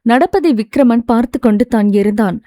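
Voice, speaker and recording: A woman narrating a novel as an audiobook narrator, with a steady storytelling delivery. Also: on the high side, brisk, no room sound.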